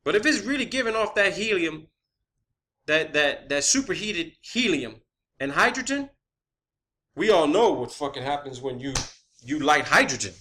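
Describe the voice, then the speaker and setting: At a moderate pace, a man with a fairly high pitch, sharp tone, and lively intonation explains things as an amateur science vlogger. His monologue is unscripted, emphatic, and profane; he repeats words for stress and tests his points with questioning tags.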